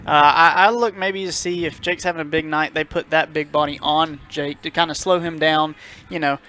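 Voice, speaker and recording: A man's voice: fairly high pitch, steady tone, moderate pace, sharp tone. A man doing chatty pregame football color commentary, hedging often with "you know". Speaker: sports co-commentator.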